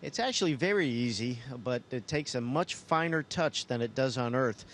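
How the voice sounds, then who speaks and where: A man's voice: mid-range voice, animated, normal speed, fairly bright tone. A man, an astronaut, answering questions over a space-to-ground radio link. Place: inside a space station. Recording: noisy space radio downlink.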